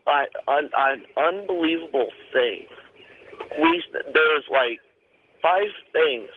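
A man calling into a radio show over a phone line, telling of something he saw, in a halting way with many restarts. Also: fairly high pitch. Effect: phone-line caller on a radio show. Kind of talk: telling a personal sighting on a call-in show.

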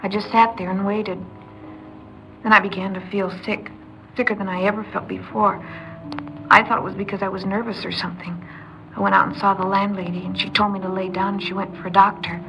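An actress with an American accent plays an anxious, devoted young woman in an old mid-century crime radio drama, pleading earnestly and emotionally through confessional narration and dialogue. Her medium-pitched voice is fairly bright, delivered flat and fairly quickly with vocal fry, in a haunted, subdued mood. The highs are cut off and there's slight background noise.

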